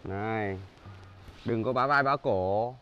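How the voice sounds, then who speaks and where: A young man, acting a gruff, threatening car owner in a comedy sketch. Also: lowish voice, lo-fi sound, a little hiss or hum. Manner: gruff, threatening, quick to shout. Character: tough-faced man, menacing bully of a car owner.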